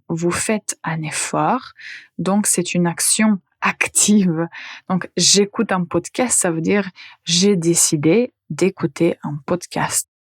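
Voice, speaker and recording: A woman hosting a language-lesson podcast, speaking slowly and repeating each example sentence for learners. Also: medium pitch, dry recording, clean studio sound. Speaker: language teacher and podcast host. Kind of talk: slow, careful French lesson podcast.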